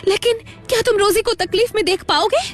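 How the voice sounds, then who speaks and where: A woman's voice: very high voice, brisk. A woman voicing a fiery young woman who challenges others indignantly, in a Hindi drama dub. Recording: soft music behind the voice.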